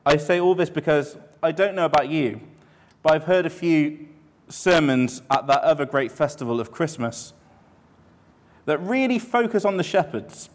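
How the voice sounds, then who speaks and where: A man preaching a sermon in a conversational way, asking the listeners questions and slowing down to stress his points. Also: a little high, lively intonation. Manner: conversational, with rhetorical questions and slowed emphasis.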